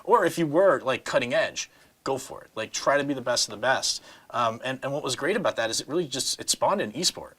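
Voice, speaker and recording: A man's voice: medium pitch, animated, brisk, a bit bright. A middle-aged man on a panel, talking casually with many fillers and restarts and frequent laughs.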